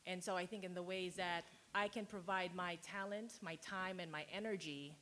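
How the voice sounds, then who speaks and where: A woman, speaking as a community organizer on a panel in a measured, emphatic way. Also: lowish voice, steady tone, pushed and bright, slight background noise. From Philippines. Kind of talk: panel talk.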